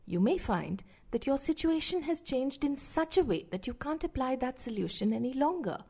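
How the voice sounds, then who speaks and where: A middle-aged woman narrating scripted parenting advice, speaking to the listener directly in a measured, explanatory way. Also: high voice, big pitch swings, dark tone, slightly rough. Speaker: parenting podcast host.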